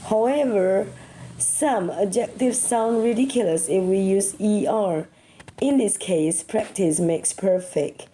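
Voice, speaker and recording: A young woman with an Indonesian accent teaching English grammar in a deliberate, step-by-step way, drawing out example words syllable by syllable. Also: mid-range voice, mellow, a little hiss or hum, rough recording. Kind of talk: slow step-by-step grammar lesson.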